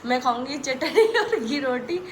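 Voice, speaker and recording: A mother who vlogs is sick with a cold and chats relaxedly with her children and viewers inside her home. She speaks in a high voice at a measured pace, with some noise in the background.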